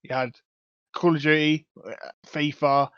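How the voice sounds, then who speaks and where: Young male host, eager and rambling, a little high-pitched, dull dry mic sound. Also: little pitch movement, unhurried, a bit bright, clear, resonant tone, no room sound. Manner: chatty, enthusiastic, rambling. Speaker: podcast host. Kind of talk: casual chat.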